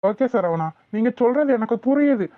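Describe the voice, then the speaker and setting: A reasonable cartoon police officer who speaks calmly and tries to make peace, voiced by a voice actor. The audio is tinny, phone-like and dry. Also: medium pitch, normal speed, no echo, natural voice.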